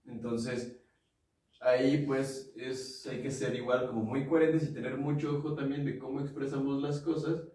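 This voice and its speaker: A man's voice: medium pitch, level tone, moderate pace, mellow. A man with a Mexican accent co-hosting a casual podcast, explaining ideas with examples and acting out quoted lines. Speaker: podcast co-host. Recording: echoey room, mic at a distance.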